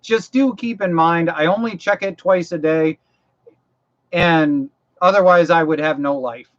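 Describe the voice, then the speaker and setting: An unhurried man with a fairly bright voice on the high side answers mower-repair questions during a casual livestream. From Maine, he's rambling and folksy, repeats himself and restarts phrases while practically walking viewers through repairs, and he's tiring; the stream audio is dull and lo-fi.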